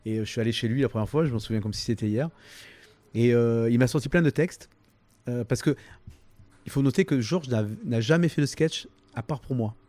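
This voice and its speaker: Brief: fifties man, Provençal accent, low mellow tone, dry close mic, halting casual answers. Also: dry recording. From southern France, Toulon. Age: 50s. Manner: halting, many fillers and restarts. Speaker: comedian, interview guest.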